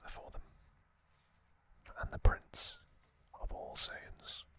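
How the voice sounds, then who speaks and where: An ASMR host, a man in his thirties, shares easygoing fan talk in a quiet whisper, unhurried and punctuated by long silences.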